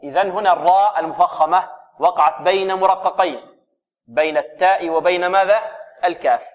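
Guy teaching tajweed, bit higher voice, keeps asking "what?" then answering himself, slow careful recitation. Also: highs cut off. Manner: asks questions and answers them himself; recites verses slowly and deliberately. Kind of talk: tajweed lesson on a radio program.

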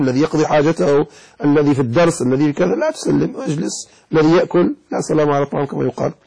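A man's voice: a little high, darkish tone, slightly rough, low-quality recording. A man, a sheikh teaching a religious lesson from a text. He scolds common mistakes and chants lines of the call to prayer to show right and wrong pronunciation. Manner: scolding, lecturing. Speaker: sheikh teaching Islamic jurisprudence.

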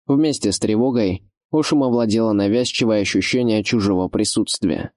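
A man reads fantasy narration in a low, steady voice at a measured pace. The delivery is even and controlled. The recording is dry and close, with no room sound. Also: no echo. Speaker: audiobook narrator.

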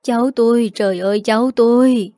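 A woman's voice: on the high side, fairly quick, a little mellow, no room sound, clean studio sound, lightly acted. A woman voicing a grieving, harsh grandmother in her eighties who wails and scolds. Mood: grieving, scolding. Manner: wailing, scolding.

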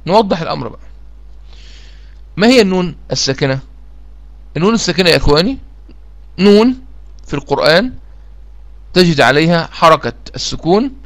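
A man with an Egyptian accent teaching a recitation lesson, repeating key phrases and checking that listeners follow. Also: on the high side. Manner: repetitive, drills key phrases, asks listeners if they follow. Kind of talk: explanatory lesson.

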